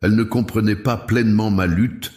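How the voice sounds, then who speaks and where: A man narrating a dramatic first-person story in a measured, solemn way. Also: lowish voice, fairly even intonation, a little mellow. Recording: roomy echo.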